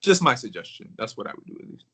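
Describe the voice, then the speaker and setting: A man in casual conversation about crystals, talking in a relaxed, rambling way with many filler words. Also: mid-range voice, fast talker, breathy edge, low-quality recording. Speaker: crystal collector.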